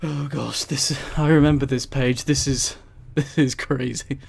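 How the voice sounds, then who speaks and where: A streamer on a headset mic reads a book aloud on a casual livestream, his mid-range voice steady, a little slow, creaky, husky and darkish. He keeps breaking off for amused, giggly, rambling asides to the live chat.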